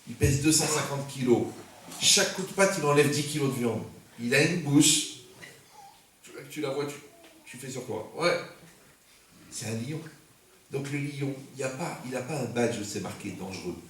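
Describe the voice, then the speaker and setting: A man's voice: medium pitch, moderate pace, pauses often, fairly bright tone, distant mic. A male rabbi giving a humorous sermon to a congregation, joking and firing rhetorical questions at his listeners. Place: community center hall. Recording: echoey hall recorded from afar, faint noise.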